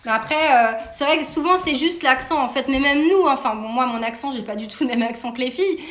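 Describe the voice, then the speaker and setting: A middle-aged woman hosting a casual live-stream from home, asking her daughter questions in a chatty way, full of fillers and quick laughs. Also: high voice, a bit bright. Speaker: host interviewing her daughter. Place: home room. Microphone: phone. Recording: roomy echo.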